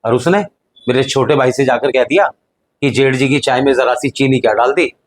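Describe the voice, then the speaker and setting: A middle-aged man acting as an elder brother and husband in a family drama, speaking in a calm, reasoning way that sometimes sinks quiet. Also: mid-range voice, moderate pace, lightly acted.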